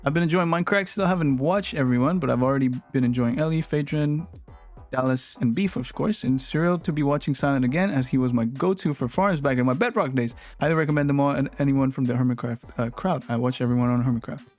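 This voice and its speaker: A young Latin American man, a native Spanish speaker, chats with his live-stream audience in a quick, medium-pitched voice. He's animated and playful, teasing the chat, with faint music in the background.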